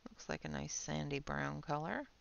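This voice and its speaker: Very creaky-voiced woman giving a casual demo. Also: low-pitched, moderate pace, lo-fi sound, slight background noise. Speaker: art supply reviewer. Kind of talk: casual demonstration commentary.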